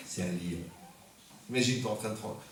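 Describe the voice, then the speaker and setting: In a community center hall, a male rabbi delivers a humorous sermon, joking and throwing rhetorical questions at the congregation. His voice sits on the low side and moves fairly quickly. He's picked up from far off, so the hall echoes and there's faint noise.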